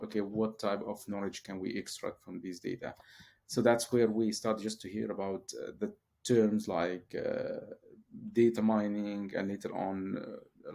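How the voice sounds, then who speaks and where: Man from Syria, low voice, gravelly, mellow, halting speech full of fillers. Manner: hesitant, many fillers and restarts. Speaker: guest, professor. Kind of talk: interview answers.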